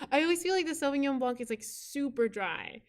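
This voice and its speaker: A woman's voice: sits high, expressive, moderate pace. A young woman co-hosting a casual podcast, chatty and upbeat, laughing often. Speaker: podcast co-host.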